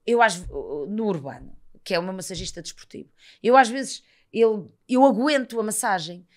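She's in her thirties, with a European Portuguese accent and a medium-pitched voice at normal speed. As a podcast guest in casual conversation, she animatedly tells stories and voices the lines of the people in them.

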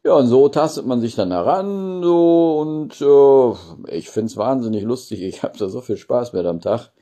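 A man in his forties talks off the cuff into a phone held at arm's length in a room. His voice is very dark and mellow, and he often ends phrases with a colloquial questioning tag. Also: mid-range voice, animated, measured pace. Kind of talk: casual rambling chat to camera. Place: small indoor room.

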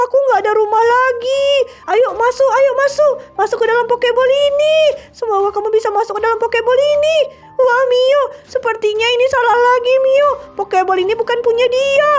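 A woman voicing an excitable older sibling who pleads and exclaims quickly in a game role-play drama. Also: extremely high pitch. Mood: panicky. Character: panicky older sibling, protective of the family home.

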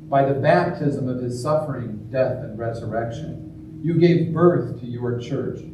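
A man leading a church service, preaching and then chanting the eucharistic prayer in a slow, measured liturgical way, with a heavy cathedral-like echo. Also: mid-range voice. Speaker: priest. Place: large church. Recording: echoey church from far off, noisy.

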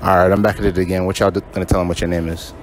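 A young man runs a casual prank street interview in a shopping mall, holding a handheld mic and sounding laid-back and teasing, peppering his talk with "you feel me" and "like." His deep voice barely moves in pitch, and he speaks very fast over background noise.

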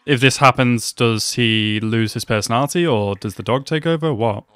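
A young man reacting to an anime episode at home, talking excitedly and exclaiming often. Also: medium pitch, moderate pace, clear, resonant tone, no echo. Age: young adult. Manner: animated, exclaims and laughs often. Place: small room at home.

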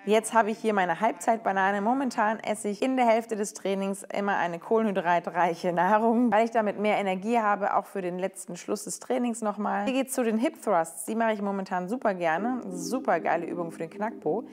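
A woman's voice: mid-range voice, moderate pace, hardly any pauses. A young woman vlogger giving a casual, upbeat voice-over that explains her gym leg routine step by step. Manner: upbeat and chatty, explains each exercise step by step. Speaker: fitness vlogger.

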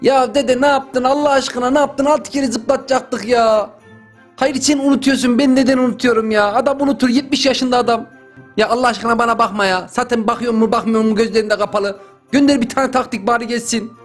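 A young man giving loud, joking, exclamatory commentary while playing a mobile game. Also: high voice, fairly even intonation, fast, soft background music. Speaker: gaming YouTuber. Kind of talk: excited gameplay commentary.

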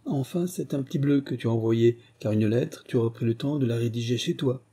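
A man reading an audiobook and voicing a clever, confident young Parisian woman who plays detective, in a brisk, teasing manner. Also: mid-range voice, dark tone, slightly rough. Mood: explaining. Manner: brisk, teasing, deducing aloud.

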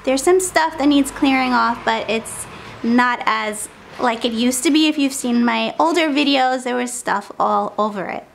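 Chatty woman with a gravelly voice. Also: on the high side, unhurried, a little hiss or hum. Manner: chatty, upbeat, homey. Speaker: cleaning vlogger. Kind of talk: casual voice-over narration.

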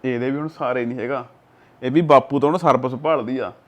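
An actor playing a young village husband with a Punjabi accent, calmly advising his wife and quoting proverbs. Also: mid-range voice, a little fast, natural voice. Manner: calm, coaxing, uses proverbs.

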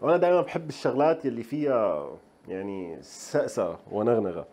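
Fast-talking Levantine chef. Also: male voice, mid-range voice, dark tone. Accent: Levantine Arabic. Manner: chatty, speaks straight to viewers, playful asides. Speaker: chef and show host. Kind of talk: casual cooking tutorial.

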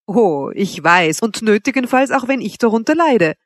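A woman's voice: lowish voice, expressive, moderate pace, dry recording. A woman reading an audiobook, voicing a haughty young noblewoman who teases her suitor with cool mockery. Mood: cold. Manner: teasing, coolly mocking. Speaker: princess Wanda.

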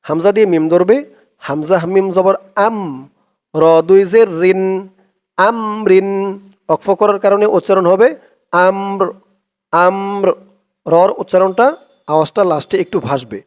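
A higher-pitched man leads a recitation lesson at a slow, careful pace. He breaks each word into syllables and then chants the verse with long held tones. His voice comes through smooth and resonant. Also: darkish tone. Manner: spells syllables slowly, then chants verses in a drawn-out melodic voice. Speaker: Quran recitation teacher.

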